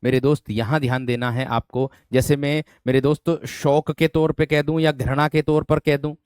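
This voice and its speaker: A man's voice: on the high side, flat delivery, moderate pace, darkish tone, clean tone, dry recording. A male teacher running an online exam-prep class, calling students "my friend" and repeating questions to drill them. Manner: addresses students as "my friend", asks for thumbs up.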